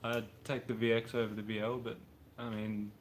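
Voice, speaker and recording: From his home workshop in Brisbane, with a car on the hoist, an Australian man in his thirties chats loosely with livestream viewers, laid-back and slangy. His fairly low voice moves little in pitch at a normal speed, with a faint hiss or hum behind it.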